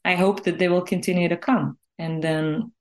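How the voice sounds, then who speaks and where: An Israeli woman, interviewed as a singer-songwriter, speaks in a low voice at a normal speed. She is reflective and lays out her thinking carefully in a conversational manner. Her intonation stays fairly even, and her tone is a little mellow.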